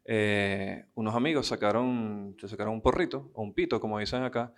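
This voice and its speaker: A man who is a comedian co-hosting a casual podcast, with quick playful interjections. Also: lowish voice, steady tone.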